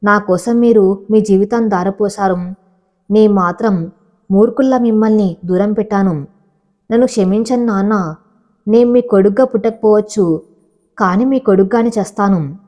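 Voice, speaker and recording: A woman voicing a remorseful young rich man pleading tearfully with his father, with a dark voice. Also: medium pitch, moderate pace, pauses often, lo-fi sound, natural voice.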